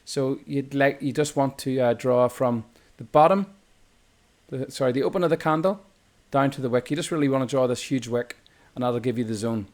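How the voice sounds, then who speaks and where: A man's voice: mid-range voice, normal speed, a little mellow. A man with an Irish accent, walking through a chart tutorial as a trading instructor in a loose, explanatory way, often correcting himself mid-sentence. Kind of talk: screen-recorded chart tutorial.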